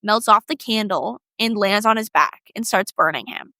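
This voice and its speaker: Bright-voiced young woman, slangy. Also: medium pitch, normal speed, no echo. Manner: slangy, chatty, heavy use of "like". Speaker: podcast co-host. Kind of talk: casual storytelling.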